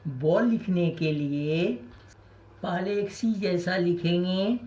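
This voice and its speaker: A man teaching a recorded primary school lesson, deliberately saying each letter twice so young pupils can copy it. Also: high voice, darkish tone. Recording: dull lo-fi recording.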